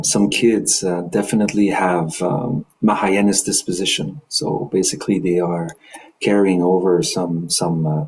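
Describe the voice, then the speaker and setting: Deep-voiced man leading a discussion. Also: darkish tone, poor audio. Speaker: discussion leader. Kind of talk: leading an online Buddhist study discussion.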